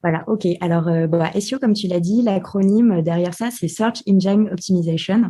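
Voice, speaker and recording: A woman guest explains her field in a podcast interview, slowly and methodically, with frequent hesitations. Her voice is low, mellow and a little husky. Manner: hesitant, many filler sounds, methodical explaining. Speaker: podcast guest, marketing specialist.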